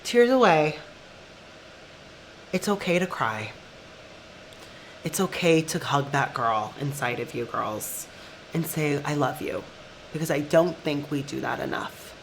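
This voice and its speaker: A woman's voice: deep voice, lively intonation, unhurried, vocal fry, a little hiss or hum, poor audio. A woman in her thirties hosting a podcast, talking earnestly and confidingly in a candid solo monologue, with plenty of "like" and "you know". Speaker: podcast host.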